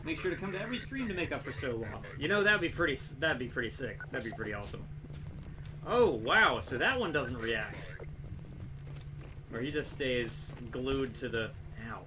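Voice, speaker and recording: A man's voice: medium pitch, animated, a little fast. A man giving casual, wry gameplay commentary and chatting with viewers, swearing freely. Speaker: game livestreamer. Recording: noisy, distant mic with game sound. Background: video game sound.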